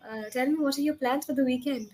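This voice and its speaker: A woman's voice: sits high, fast, a little mellow, slight background noise. A young woman from India with an Indian accent, teaching a one-on-one English lesson in an instructive way, often checking for understanding. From Kolkata, India. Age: young adult. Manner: instructive, frequent check questions. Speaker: English communication tutor.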